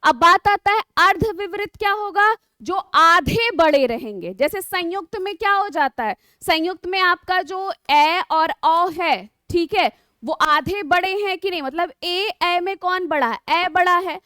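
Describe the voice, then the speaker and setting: A woman teacher giving an online exam-prep lesson, explaining patiently with drawn-out words and frequent rhetorical questions to her students. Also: very high-pitched, pushed and bright, dry recording, clean studio sound.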